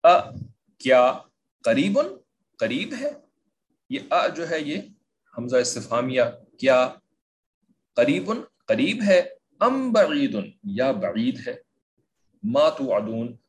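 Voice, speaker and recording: Man, Quran teacher, word-by-word explanation, frequent check-ins, middle pitch, faint background noise. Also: very animated, pauses often. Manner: repeats "theek hai" to check understanding, mixes in English words.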